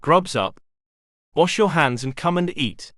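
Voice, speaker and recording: A man's voice: a little high, expressive, a little slow, fairly bright tone, no echo, clean studio sound. A man voicing a strict, stern man who runs a children's home and barks short orders at the children.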